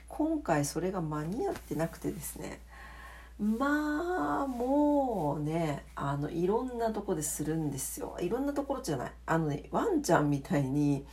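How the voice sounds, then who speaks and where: A woman with a medium-pitched, darkish voice hosts a casual late-night solo audio diary. She opens with a radio-DJ style greeting and talks in a polite, chatty, self-deprecating way.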